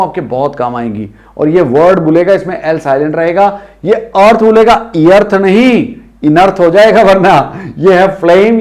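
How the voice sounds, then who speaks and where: A middle-aged man with an Indian accent teaching an English lesson, saying words slowly and having viewers repeat them after him. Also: high-pitched, darkish tone.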